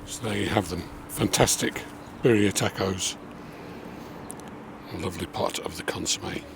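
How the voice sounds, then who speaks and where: A man hosting a casual backyard barbecue cooking show, chatting relaxed to viewers. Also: sits low, moderate pace, gravelly. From New Zealand. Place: backyard outdoors. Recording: outdoor noise with passing vehicles.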